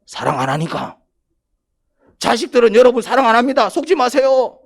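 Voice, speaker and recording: 경상도 사투리로 설교하는 남성 목사로, 조용하게 말하다가도 크게 힘주어 외치며 강조합니다. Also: male voice, very high-pitched, very animated, normal speed, creaky. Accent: Gyeongsang Korean. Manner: dialect-heavy, emphatic, swings from quiet to loud. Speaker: pastor. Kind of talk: sermon.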